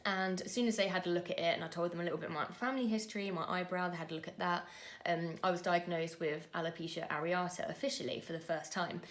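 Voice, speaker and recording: A woman, telling a personal story to camera in an earnest, conversational way with frequent pauses and fillers. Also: fairly low pitch, steady tone. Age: 20s. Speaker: vlogger.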